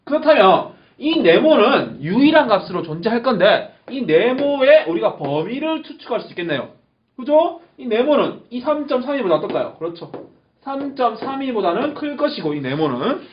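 Male math teacher, high lively voice, echoey lo-fi room, faint hiss. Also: moderate pace. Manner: emphatic, repeats key terms, checks understanding. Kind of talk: classroom math lecture.

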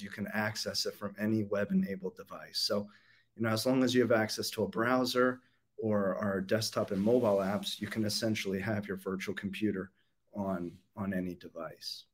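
A young man with a somewhat low voice presents a conference keynote from his room over a webcam. He talks casually, leaning on fillers and restarting his sentences often. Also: steady tone, normal speed, slight background noise. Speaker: company CEO giving a keynote. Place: home or office room. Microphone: webcam video call.

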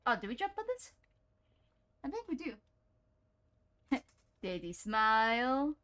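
A woman streamer narrating a game in a relaxed, unhurried way, her voice bright and crisp. She reacts nervously to what she sees and chats to the characters on screen. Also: on the high side. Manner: jumpy, chatty, laughs often and talks to the game. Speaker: gaming YouTuber. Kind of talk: casual let's-play commentary.

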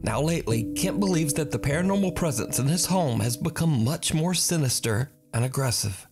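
A man's voice: a little high, lively intonation, a little fast. A man reading scripted narration in the manner of a documentary narrator. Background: music.

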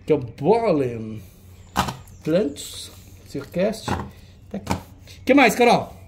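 A man's voice: sits high, sing-song, slow, a little hiss or hum. A man hosting a retro game auction, showing old cartridges in casual, teasing banter. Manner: chatty, teasing, jokey banter with a helper.

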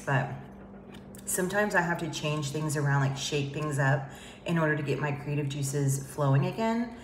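A woman with a low voice rambles through a casual vlog to camera, filling it with fillers and sounding blocked up from a head cold. She's in an emptied home office whose empty room echoes, and a little hiss or hum can be heard.

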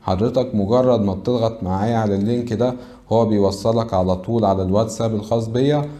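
An Egyptian man in his thirties speaks quickly and in a businesslike way. His voice is fairly low and mellow. He runs through figures like a consultant briefing clients to camera. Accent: Egyptian Arabic. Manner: brisk, businesslike, lists figures with frequent "uh" fillers. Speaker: real estate consultant. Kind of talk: informational presentation to camera. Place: indoor studio with backdrop.

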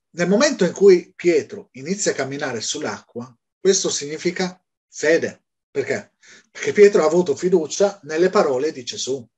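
A man preaching a Bible study, asking questions and answering them himself. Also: sits high. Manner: animated, asks and answers his own questions.

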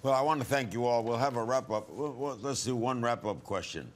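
A man hosting a political panel show, moderating the talk briskly. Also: medium pitch. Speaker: host.

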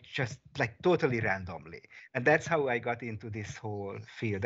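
A man in his forties from Hungary, speaking as a guest over a headset video call and pausing often with fillers. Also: medium pitch, fairly bright tone. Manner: thoughtful, many fillers and restarts. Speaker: guest, peace researcher and consultant. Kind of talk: casual video call interview. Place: small room at home, indoors. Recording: slightly dull video call audio.

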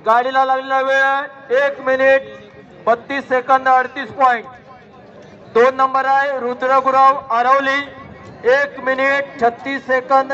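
High-voiced man announcing over a loudspeaker. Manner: steady announcing cadence, repeats times and warnings. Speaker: race announcer. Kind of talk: live race commentary and results calling. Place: outdoor race ground. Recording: lo-fi loudspeaker sound over a crowd outdoors. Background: large crowd.

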